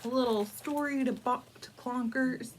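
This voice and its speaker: Her voice is high, carrying a faint hiss or hum, as this library storyteller reads a picture book aloud to adults. She treats it like an off-the-cuff storytime, tossing in playful, wry comments with mock-dramatic flair and pausing often to think through things conversationally.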